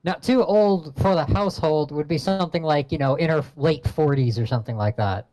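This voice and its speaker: A man's voice: on the high side, fairly quick, mellow, rough recording. A man co-hosting a casual podcast chat, heated and swearing constantly.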